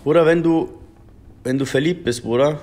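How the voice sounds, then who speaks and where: A young man from Germany, a rapper in his twenties, speaks earnestly over a phone video call at a table in an indoor room, repeatedly calling the interviewer "Bruder." His voice is on the high side and a little mellow, at a moderate pace.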